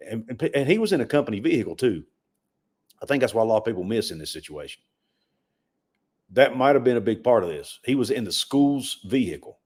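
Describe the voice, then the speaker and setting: A man's voice: medium pitch, darkish tone. A man co-hosting a sports livestream, talking casually and often repeating words as he makes a point. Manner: conversational, repeats words when emphatic. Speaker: sports podcast co-host.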